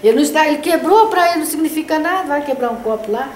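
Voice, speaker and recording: A woman's voice: sits high, expressive, racing, a little mellow. An older woman leading a spiritist study group, telling stories conversationally and often tagging phrases with a questioning "né?". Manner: anecdotal, conversational, frequent "né?". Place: meeting room of a spiritist center. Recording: roomy echo with background noise.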